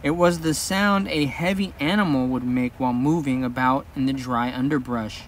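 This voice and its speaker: A man narrating an audiobook in a measured, steady first-person storytelling voice. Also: mid-range voice, recorded from a distance, a little hiss or hum. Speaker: audiobook reader.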